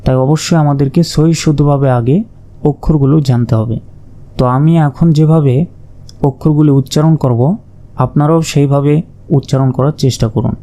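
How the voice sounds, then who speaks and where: A man's voice: fairly high pitch, steady tone, moderate pace, dark tone. A man teaching Arabic letters in a patient, step-by-step lesson, repeating each sound and drawing some out. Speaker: Quran reading teacher. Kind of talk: slow recitation lesson.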